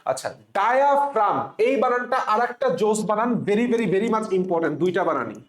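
A man's voice: high voice, animated, moderate pace. A man teaching spelling for exam prep, spelling words letter by letter and having students repeat after him. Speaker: spelling tutor for medical admission students. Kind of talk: classroom-style exam lesson. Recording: echoey room.

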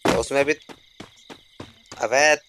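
Young male streamer, casual game commentary, animated outbursts, heavy background noise. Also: mid-range voice. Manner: chatty, quick bursts of excitement and grumbling. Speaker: gaming streamer.

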